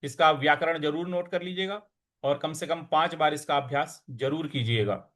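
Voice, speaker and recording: A man teaching the recitation of a sacred verse, breaking words into syllables and chanting lines slowly. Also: on the high side, fairly bright tone. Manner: slow, syllable-by-syllable demonstrations with brisker explanations between; chants verses in a melodic intoned way. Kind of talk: recitation lesson.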